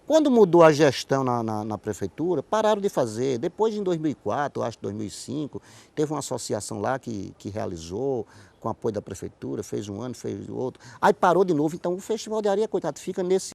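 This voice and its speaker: A talkative middle-aged writer and playwright with a Northeastern Brazilian accent from Paraíba gives long, explanatory TV interview answers, repeating and rephrasing as he goes. His medium-pitched voice is very animated, a little fast, creaky and a little mellow. The recording is dry.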